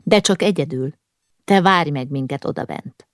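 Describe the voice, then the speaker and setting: A grim young man speaking in short, flat sentences, as a woman reads him in an audiobook. The voice sits low and dry, close to the mic. The reading stays near the narrator's own voice. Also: dry recording, lightly acted. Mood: grave.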